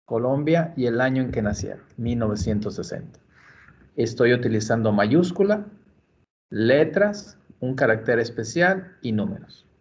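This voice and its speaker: In a screen-recorded library tutorial, a man from Mexico explains computer steps slowly and patiently, one at a time. His mid-range voice is animated, and the screencast audio sounds dull and lo-fi.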